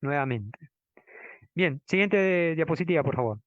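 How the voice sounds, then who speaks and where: A man lectures on law in a teacherly way, dropping tag questions and slowing down to stress Latin terms. His voice sits fairly high. The recording is dull and dry, like a lo-fi classroom capture. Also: lively intonation, dry recording. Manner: didactic, frequent tag questions, stresses Latin words slowly. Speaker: law professor. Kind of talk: lecture with slides.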